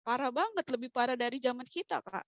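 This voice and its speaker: A woman's voice: high voice, lively intonation, quick pace, no room sound, muffled recording. A young woman in a casual chat, chatty and giggly as she asks questions. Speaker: guest interviewer.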